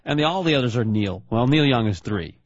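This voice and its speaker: A man's voice: medium pitch, animated, fairly quick. A man co-hosting a casual radio show, dropping dry quips and laughing often. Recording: dull lo-fi radio broadcast.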